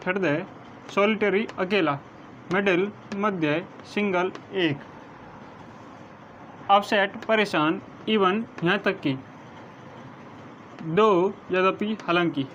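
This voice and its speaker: A man with a high voice works through a vocabulary list as a teacher, giving one meaning after another and spelling words out letter by letter. The recording is dull and lo-fi, with a faint hiss underneath. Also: a bit bright. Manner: slow, measured dictation, spelling words letter by letter. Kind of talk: vocabulary lesson, reading word meanings. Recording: dull lo-fi sound with faint noise.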